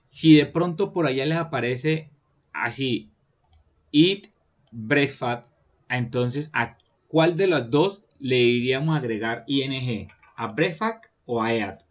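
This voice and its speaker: A man's voice: mid-range voice, slow pace. A man, teaching an online class to children, patiently explaining and often checking that they follow. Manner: patient, repeats "¿listo?" to check understanding.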